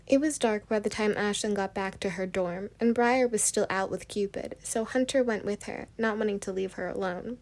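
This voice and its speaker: A woman narrating her own fan story in a steady, plain reading voice. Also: mid-range voice, normal speed, hardly any pauses.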